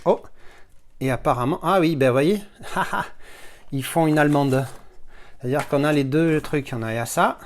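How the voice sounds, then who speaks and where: A man, ill and worn out, casually unboxing films in a rambling vlog with many fillers, restarts and swear words. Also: mid-range voice. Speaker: video host unboxing films.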